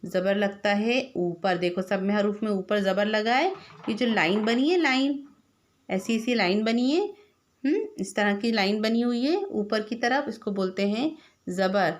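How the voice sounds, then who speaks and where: A woman's voice: medium pitch, unhurried. A woman teacher patiently spelling out letters one by one for young children and quizzing them as she goes. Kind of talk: slow classroom lesson.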